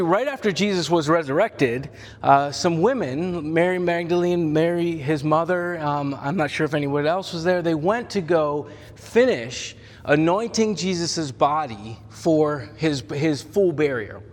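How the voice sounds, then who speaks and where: A man's voice: fairly high pitch, in a large hall. A man preaching a sermon as a pastor, telling the story in a conversational way with humor and little acted-out voices.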